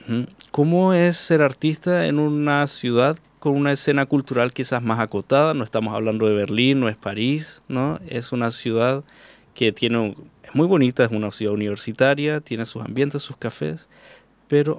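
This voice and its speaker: A man hosting a radio interview in a relaxed, chatty way. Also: medium pitch, normal speed, dry recording. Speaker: radio host. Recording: voice a bit far from the mic.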